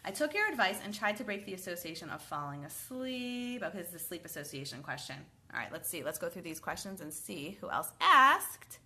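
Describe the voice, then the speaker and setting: A woman in her thirties gives sleep advice during a live Q&A, reading comments aloud and addressing viewers by name, chatty and upbeat though slightly congested from a cold. Her voice is on the low side, sing-song, pushed, and bright, and she speaks briskly with few pauses.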